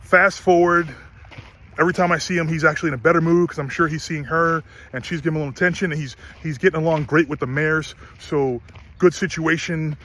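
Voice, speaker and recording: A man's voice: fairly high pitch, steady tone, fast talker, a bit bright. A middle-aged man retelling a story about his horse in a casual vlog, earnest and emphatic, often restarting his sentences. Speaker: horse owner vlogger.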